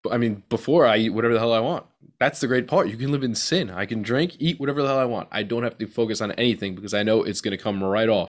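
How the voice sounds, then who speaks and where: A man's voice: fairly low pitch, fast talker. A man hosting a podcast in casual, colloquial chat, talking like he's with a buddy. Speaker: podcast host.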